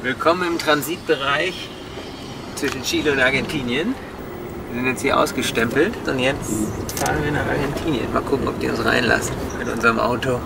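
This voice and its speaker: A man's voice: medium pitch, fairly quick, vocal fry, distant mic, heavy background noise. A man on a road trip, talking casually to the camera outdoors and from a car. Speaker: travel vlogger. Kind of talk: casual travel vlog. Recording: music playing behind.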